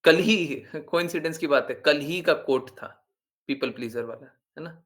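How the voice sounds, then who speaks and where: Male spiritual teacher with a slightly high voice, giving an earnest, insistent devotional talk with English words mixed in. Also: measured pace, fairly bright tone. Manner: earnest, insistent, repeats phrases for emphasis; mixes English words into speech.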